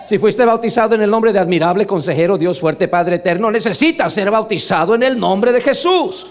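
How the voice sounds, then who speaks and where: A man preaching a sermon to a congregation, emphatic, asking for agreement and swinging between low asides and loud exclamations. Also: lively intonation, fairly quick. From Latin America.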